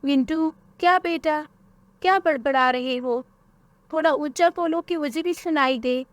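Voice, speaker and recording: A woman voicing a caring mother bird in a cartoon who asks gentle, concerned questions. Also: sits high, measured pace, no echo, voice pushed up.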